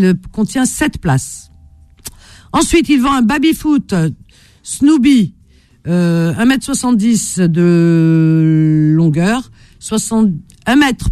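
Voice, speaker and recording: Animated woman hosting a radio call-in. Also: mid-range voice, dry recording. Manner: teasing, familiar. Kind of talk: chatty classified-ads hosting. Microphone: studio microphone.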